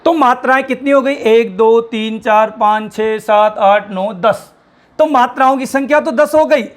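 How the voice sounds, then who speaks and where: Slow, patient male Hindi teacher. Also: very high-pitched. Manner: patient, repeats reminders to pay attention; asks questions then answers them. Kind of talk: classroom lecture.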